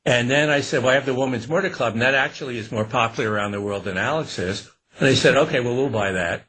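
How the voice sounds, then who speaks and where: A man's voice: mid-range voice, fast, a bit bright, husky, low-quality recording. A man, a guest author, talking in a casual interview, rambling and restarting often with a chuckle.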